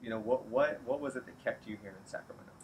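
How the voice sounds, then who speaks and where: A man interviewing a salon owner in a casual, friendly way, often pausing with fillers and restarting sentences. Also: mid-range voice, a little hiss or hum, poor audio. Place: salon, outdoors then indoors.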